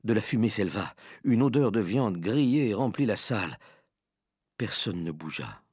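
A man narrating a dark storybook with expressive delivery. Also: fairly low pitch, normal speed, husky, no echo, studio quality. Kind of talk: audiobook narration.

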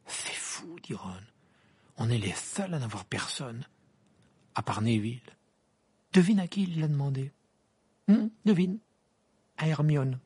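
A reader voicing a sulky, teasing teenage boy wizard who laughs and stammers when excited, in an amateur audiobook reading. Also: medium pitch, measured pace, long pauses, breathy edge, voice pushed up.

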